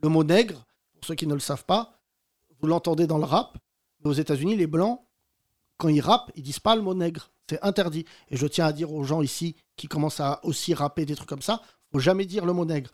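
A man hosting a casual talk show, telling stories with animated quoted voices. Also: on the high side, a little fast. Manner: animated storytelling, acts out quotes. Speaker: host.

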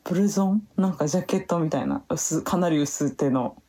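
Laid-back Kansai woman, warm low voice. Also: fairly quick, husky. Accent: Kansai Japanese. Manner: relaxed, laughs often, reads from phone search results. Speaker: podcast co-host. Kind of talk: casual chat.

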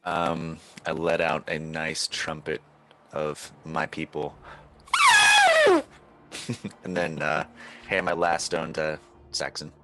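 A man's voice: extremely low pitch, flat delivery, takes it slowly, pauses often. A man playing a tabletop game, playful and jokey as he describes his character's moves. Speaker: player. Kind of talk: casual tabletop play.

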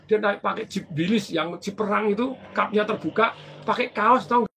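A man telling stories from his banking career in casual conversation, animated and acting out the people in them. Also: sits high, moderate pace, soft background music. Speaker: former bank branch manager.

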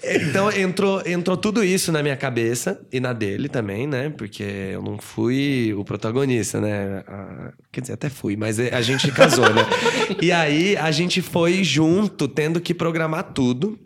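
A man's voice: medium pitch, normal speed, gravelly, a little hiss or hum. Chatty man telling a story. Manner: animated, chatty storytelling with frequent tag questions. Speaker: guest storyteller. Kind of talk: casual podcast chat.

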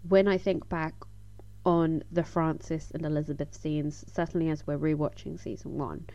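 Low-voiced woman, chatty and lo-fi. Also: steady tone, normal speed, dark tone. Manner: chatty, trailing off, frequent "like". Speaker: podcast co-host. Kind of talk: casual book-club chat. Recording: dull lo-fi recording.

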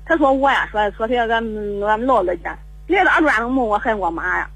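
A woman's voice: a little high, expressive, fast talker, fairly bright tone, slightly rough, low-quality recording. An older woman calling in to a radio show, telling a long story in a rambling, repetitive way with stammering restarts. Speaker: caller. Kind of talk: call-in radio chat. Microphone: phone call.

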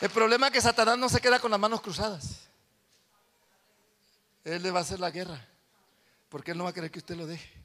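A man preaching a sermon as pastor in a church, animated, swinging from soft confiding talk to loud shouting. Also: high voice, fairly quick, pauses often, a faint crowd.

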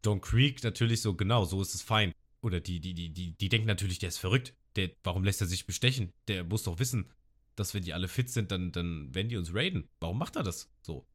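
A man's voice: sits low, quick pace. A man on a podcast, casually retelling an anime episode and acting out the characters' lines. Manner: lively retelling, acting out quotes with shouts.

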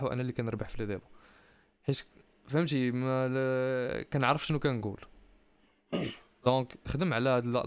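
A young man speaks with a Moroccan accent at a rapid-fire pace. His voice is crisp and sounds dry and close. He hosts casually, pressing his advice emphatically and mixing in French and English. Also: medium pitch, no echo. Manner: mixes Arabic with French and English phrases; emphatic, motivational advice-giving. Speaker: podcast host. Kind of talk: casual chat, answering listener questions.

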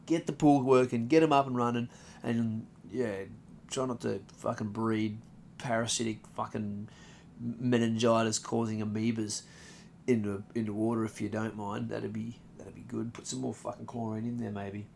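A man in his thirties with an Australian accent, hosting a casual solo podcast, laid-back and rambling, swearing freely and filling pauses with ums. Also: on the low side, level tone, vocal fry, darkish tone, a little hiss or hum. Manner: laid-back, profane, rambling with many fillers. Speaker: podcast host.

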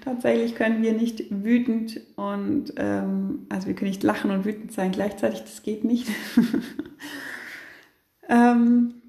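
A woman hosting a parenting podcast, giving casual advice in a lively way with many fillers and acted-out angry outbursts. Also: medium pitch, creaky, reverberant. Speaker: podcast host, parenting coach.

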